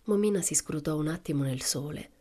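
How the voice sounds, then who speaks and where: A woman narrating a novel for an audiobook in a calm, measured way, with soft whispered asides. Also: deep voice. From Italy. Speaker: audiobook reader.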